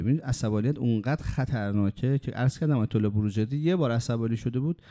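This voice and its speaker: Man giving a sermon, mellow dark voice, keeps hammering points with questions. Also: medium pitch. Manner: emphatic, rhetorical questions. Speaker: preacher. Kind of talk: sermon with anecdotes.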